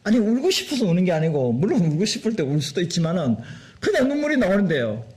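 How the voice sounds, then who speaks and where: Animated preaching man, fairly high voice. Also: fast. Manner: animated preaching with rhetorical questions. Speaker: pastor. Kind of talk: sermon. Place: church sanctuary.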